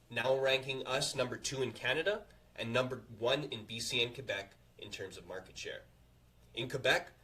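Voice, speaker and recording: Here a man with a medium-pitched, sharp-toned voice presents scripted earnings results to investors as an executive. He sounds formal, assured and measured throughout.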